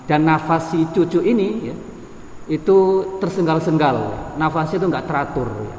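A man with a Javanese accent giving a religious lesson. He chants Arabic text slowly and then explains it in relaxed, conversational speech. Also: fairly high pitch. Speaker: ustadz teaching a hadith book. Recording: echoey room, long reverb, faint noise.

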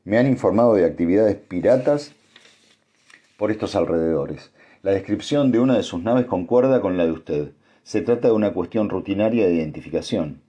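A man's voice: deep voice, animated, normal speed, dark tone. A man voicing a cold, officious military officer in a storybook reading, curt and icy.

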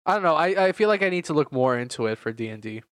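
This podcast co-host talks fast with lively intonation, his slightly high voice bright, clear and resonant in a dry, studio-quality recording. Loose and chatty, he laughs often and frequently eats while speaking.

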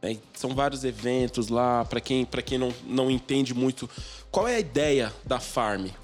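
A male podcast host keeps things light and joking while asking questions. His voice sits at an everyday middle pitch. Faint music plays quietly behind him. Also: normal speed. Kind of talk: casual podcast conversation.

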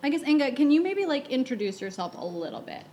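Young host, mid-twenties, higher voice, easy affirming interviewer, slight hiss. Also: female voice, sing-song, quick pace, mellow, lo-fi sound. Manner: friendly, affirming, lots of "yeah" and "mm-hmm". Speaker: podcast host. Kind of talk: casual interview.

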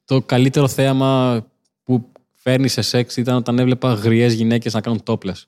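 A young man from Crete, a comedian and podcast guest, telling stories in a relaxed way and laughing easily. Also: medium pitch. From Crete, Greece. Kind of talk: casual podcast chat.

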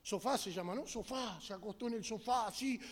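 A man preaching a sermon with passion, shouting for emphasis and telling humorous stories. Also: high-pitched, brisk. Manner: impassioned, bursts into shouted emphasis; tells humorous stories to the congregation. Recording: long hall reverb.

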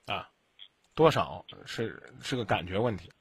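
A man's voice: lowish voice, lively intonation, a little slow, breathy edge, no echo. A man hosting a late-night radio advice show, bluntly lecturing and scolding a caller. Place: radio studio.

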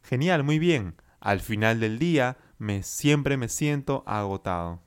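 A man teaching as a Spanish coach, enunciating slowly and carefully through repeat-after-me drills and praising the listener often. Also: medium pitch, lively intonation, clear, resonant tone.

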